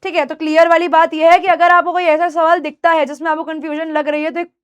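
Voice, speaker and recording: A woman's voice: very high voice, flat delivery, quick pace, highs cut off. A young woman with an Indian English accent teaching grammar in an online exam-prep lesson, explaining patiently and repeating key points to her students.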